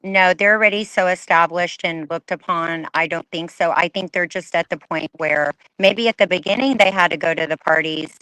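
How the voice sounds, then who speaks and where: A woman's voice: fairly low pitch, moderate pace, few pauses, bright, forceful tone, no room sound. A woman speaking as an interview guest over a video call, her microphone crackling and garbled so she sounds underwater. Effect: garbled crackling mic, sounds underwater. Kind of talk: remote video call chat. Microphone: failing call microphone.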